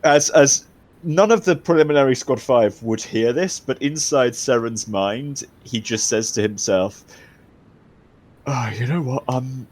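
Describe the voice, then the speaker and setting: A man narrating a tabletop role-playing game as game master, in a loose, halting way with restarts. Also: mid-range voice.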